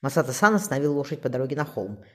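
A woman narrating an audiobook in a brisk, expressive read. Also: extremely low pitch. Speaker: audiobook reader.

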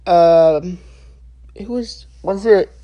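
A young man giving a casual spoken review, halting and full of filler sounds and restarts. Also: high voice, lo-fi sound. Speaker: wrestling show reviewer.

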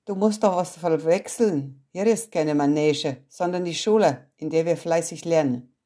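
A woman's voice: low voice, moderate pace, dark tone. A woman voicing a strict female schoolteacher who speaks firmly and scoldingly. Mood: stern. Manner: firm and scolding.

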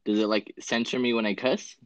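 A twenty-one-year-old man, a guest who bought shoes, chats casually on a call, easygoing and a bit hesitant, with plenty of "like" and "um." His medium-pitched voice is fairly quick with fairly even intonation. The call audio is dry, dull, and lo-fi, with no echo.

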